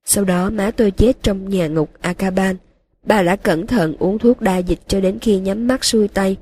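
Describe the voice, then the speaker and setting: A woman voicing a broken young male wizard who confesses in a flat, emotionless monotone, in an audiobook reading. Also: medium pitch, moderate pace, husky, lightly acted.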